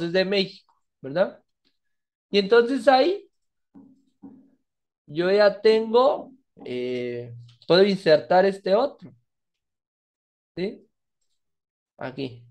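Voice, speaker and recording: Man, fairly high voice, database tutorial, step-by-step screen-recording explanation, frequent check-ins. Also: darkish tone. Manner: explains step by step, asks "¿verdad?" often. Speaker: database instructor.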